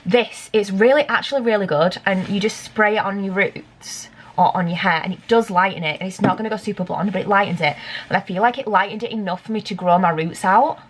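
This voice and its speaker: A woman's voice: mid-range voice, brisk, a little hiss or hum. A young woman vlogging casually at home about dyeing her own hair, rambling with lots of fillers and talking to herself. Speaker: beauty vlogger. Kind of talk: casual chatty vlog.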